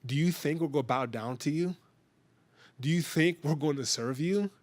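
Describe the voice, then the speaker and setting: A preacher voicing jealous, annoyed brothers. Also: male voice, on the high side, normal speed, natural voice. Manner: exasperated, slangy.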